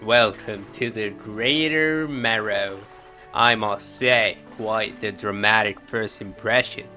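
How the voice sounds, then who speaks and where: A man voicing a short, fussy harbor master with a put-on accent that wanders between Australian, British and American, speaking slowly and formally. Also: fairly low pitch, pushed and bright, faint music behind, pitched below the performer's own voice, full character voice. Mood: welcoming.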